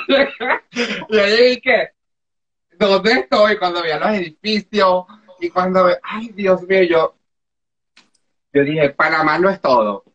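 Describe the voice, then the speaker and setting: A woman from Venezuela with a Venezuelan accent, telling her own story in casual chat, animated, laughing often and acting out the dialogue. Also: mid-range voice, highs cut off. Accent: Venezuelan Spanish.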